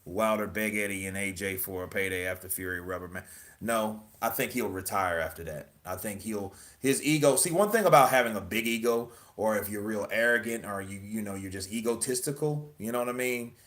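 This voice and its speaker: A man's voice: on the low side, brisk, fairly bright tone. A man hosting casual boxing commentary, emphatic and profane, firing off rhetorical questions. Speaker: boxing news host.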